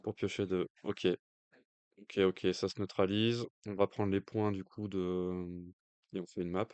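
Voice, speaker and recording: A stream commentator with a French accent gives casual live commentary on a card game match in a deep, flat, unhurried, slightly mellow voice. He thinks aloud with hesitant fillers and makes jokey asides in accented English. There is no room sound.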